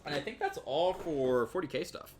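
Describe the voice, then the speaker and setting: A man casually presenting tabletop wargame products, animated and often laughing between points. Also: a little high, moderate pace, slight background noise. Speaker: co-host.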